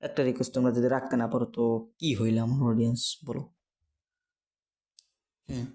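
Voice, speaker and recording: A man's voice: mid-range voice, flat delivery, quick pace, mellow. A young man with a Bangladeshi Bengali accent, rambling casually through gameplay commentary and slipping in English phrases. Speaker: gaming YouTuber.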